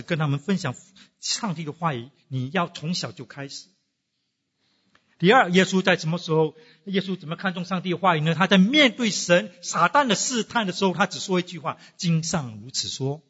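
A man's voice: high voice, fairly quick, a bit bright, breathy edge, in a large hall, lo-fi sound. A man preaching a sermon, asking his congregation rhetorical questions and dropping English phrases into his talk. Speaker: pastor.

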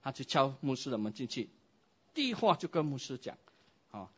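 A man preaching a sermon, telling a story and acting out its dialogue with lively shifts. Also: medium pitch, brisk, husky, highs cut off. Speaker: pastor.

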